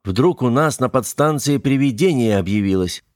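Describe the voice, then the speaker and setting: A man's voice: medium pitch, animated, moderate pace, voice pushed up, lightly acted. A man reading a storybook, voicing a young worker who sneers and frets in a raised, nervous voice. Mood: spooked. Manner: snide, nervous chatter. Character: young male worker, jittery and mocking.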